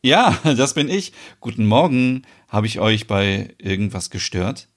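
A man's voice: lowish voice, very animated, measured pace. A man playing a friendly young baker.

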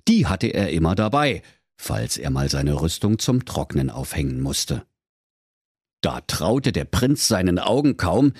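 A man's voice: lowish voice, darkish tone, slightly rough, dry recording, studio quality. A man narrating a comic fairy tale playfully and theatrically, full of wordplay. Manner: playful, theatrical, pun-filled. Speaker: storyteller.

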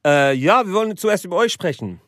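A man hosting a casual comedy podcast, chatty and quick to laugh. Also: high-pitched, expressive, a bit bright, no echo, studio quality. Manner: laughs often, loose and chatty. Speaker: podcast host. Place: indoor studio room.

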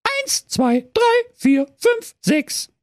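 Cheeky little goat kids. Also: male voice, big pitch swings, extremely slow, dry recording, clean studio sound, heavily acted. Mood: counting. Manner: cheeky, squeaky.

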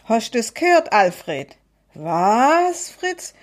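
A woman voicing two scheming male hunters in a storybook reading, with a slow, drawling delivery. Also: a little high, sing-song, voice pushed up, full character voice.

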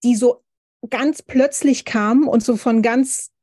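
A woman in her thirties, a family counselor, talking in a casual podcast conversation, thoughtful and halting with many restarts. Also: on the high side, fairly even intonation, warm tone, dry recording, studio quality.

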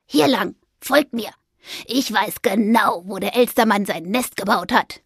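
A woman voicing a friendly, chatty male squirrel in a children's story, talking in a lively, helpful way. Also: mid-range voice, measured pace, gravelly, breathy edge, no echo, studio quality, heavily acted.

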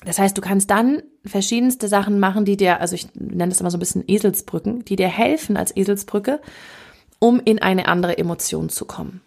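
A woman's voice: mid-range voice, a little fast, creaky, darkish tone. A woman coach talking casually about handling emotions, often quoting her own self-talk. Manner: conversational, self-correcting, with quoted self-talk. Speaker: happiness coach.

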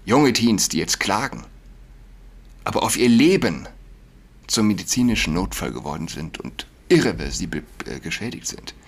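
Ranting man, lowish husky voice, moody whisper-to-shout delivery. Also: very animated, moderate pace. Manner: swings between hushed whispers and loud outbursts; ranting, indignant. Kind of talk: agitated monologue.

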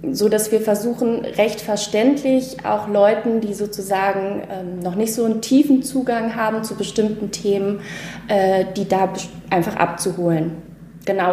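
A woman's voice: medium pitch, dark tone. Woman with hesitant talk in an echoey room. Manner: hesitant, many fillers. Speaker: podcast guest, editor. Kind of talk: casual podcast talk. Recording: roomy with faint noise.

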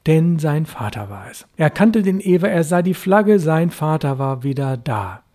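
A man narrates a classic novel in a measured, unhurried reading. His voice sits a little high for a man, with a dark, mellow softness to it. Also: big pitch swings. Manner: measured storytelling. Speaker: reader. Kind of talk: literary reading.

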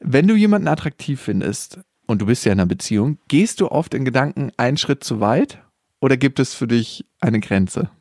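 A man in his thirties co-hosting a casual podcast, asking playful, teasing questions and jumping into quick jokes. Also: mid-range voice, expressive, a little mellow, dry recording, clean studio sound.

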